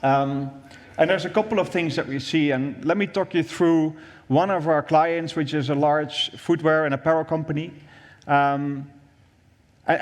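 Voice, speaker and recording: Presenter, male, slightly high voice, explanatory, echoing hall. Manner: explanatory, repeats words while thinking. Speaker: industry VP presenting. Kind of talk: conference presentation. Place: conference room on stage. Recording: long hall reverb.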